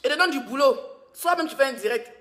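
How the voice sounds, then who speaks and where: High, bright-voiced mocking woman. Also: lively intonation, fast talker. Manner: mocking, laughs often, teasing. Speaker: blogger. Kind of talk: live-stream gossip commentary.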